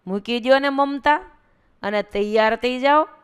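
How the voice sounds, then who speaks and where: A woman voicing a kindly but firm old male holy man in a devotional story, speaking briskly and reassuringly. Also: fairly high pitch, smooth, pitched above the performer's own voice, close to an everyday voice.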